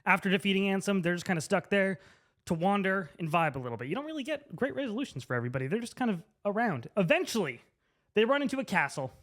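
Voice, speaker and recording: A man with a high, lively, somewhat bright voice talks fast, drunkenly explaining a story to the camera. As presenter, he rambles in loose, comedic slang, emphatically repeating names and phrases for effect.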